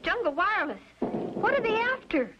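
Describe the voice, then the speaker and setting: An eager young boy sidekick, as a woman plays him, anxious and excitable, with a very high voice that bounces around a lot. He sounds like an old cartoon on a dull, lo-fi track. Loud noise fills the background. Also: normal speed. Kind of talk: 1950s cartoon voice acting.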